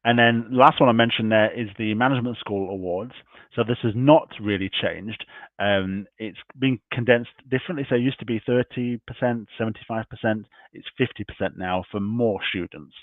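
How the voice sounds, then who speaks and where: Presenting university admissions details online, a man speaks briskly in a lowish voice that is giving out as he goes point by point through his slides. It is a dry recording with tinny call audio.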